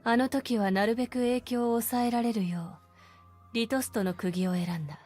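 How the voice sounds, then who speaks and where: Woman playing a calm cold game strategist lady, faint music behind. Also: a little high, close to an everyday voice. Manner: measured and matter-of-fact. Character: composed, cold adult female strategist.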